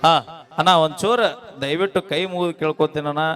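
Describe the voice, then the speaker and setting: A man, emceeing live stage comedy at a fair, firing off loud teasing retorts through a stage microphone. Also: a little high. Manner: loud teasing, quick comic retorts to the crowd.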